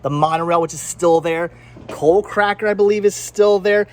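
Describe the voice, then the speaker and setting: Hosting a thrifting vlog, a middle-aged Pennsylvania man roams a flea market's vendor stands, where the ambience is clearly audible. He rambles casually with enthusiasm and nostalgia, repeating words in a stammering way. His voice sits high, with a steady tone and moderate pace.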